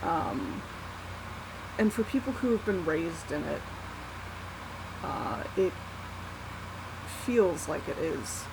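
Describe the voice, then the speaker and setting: Young adult vlogger, slow, candid and self-deprecating delivery, recorded on a laptop with a loud fan running. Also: mid-range voice, expressive, vocal fry, noisy background. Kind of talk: casual unscripted confessional vlog, one take. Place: small warm bedroom at night. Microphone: laptop built-in mic. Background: whirring fan.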